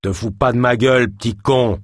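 A man voicing a crude, menacing hunter who talks slowly and threatens, in an audiobook. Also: mid-range voice, steady tone, dry recording, studio quality, natural voice. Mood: mocking. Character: bearded hunter, gruff, menacing, coarse. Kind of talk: audiobook character voice.

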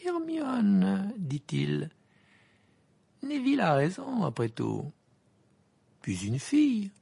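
A gravelly, husky teenage boy wizard, sulky and teasing, his voice leaping up and down, as a reader puts him on in an amateur audiobook. He laughs and stammers when worked up. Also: medium pitch, wildly swooping pitch, slow pace, warm tone, pitched above the performer's own voice, heavily acted. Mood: pleading.

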